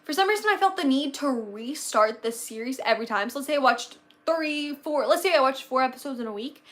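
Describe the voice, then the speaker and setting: In a high-pitched, expressive voice and at a fairly quick pace, a young woman in her late teens chats on a livestream. She gushes and rambles bubbly with plenty of fillers, her voice a bit worn and slightly fading.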